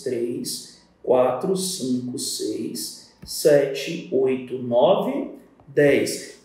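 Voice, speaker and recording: Slow, echoey Brazilian male teacher. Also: a little high, darkish tone, recorded from a distance. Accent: Brazilian Portuguese. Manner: didactic, counts aloud and answers his own imagined student questions. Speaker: literature teacher. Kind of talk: recorded exam-prep lesson on poetry. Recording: very echoey room.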